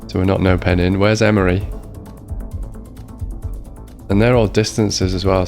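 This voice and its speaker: This low-pitched, creaky, slightly mellow male voice belongs to a streamer thinking aloud as he hunts around a geography game. It's casual gameplay talk, and his voice sounds strained, as if a cold is on the way.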